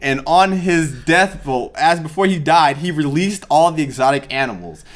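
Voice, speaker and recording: Animated man telling a rambling story. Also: on the high side, normal speed. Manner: rambling storyteller, laughs easily. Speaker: podcast co-host. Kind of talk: casual podcast chat.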